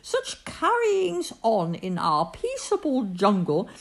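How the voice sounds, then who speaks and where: A woman's voice: medium pitch, sing-song, measured pace, a little mellow. A woman voicing a bossy, scornful big kangaroo mother in a storybook, haughty and snapping with disapproval. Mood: scornful, threatening. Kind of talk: animated storybook character voice.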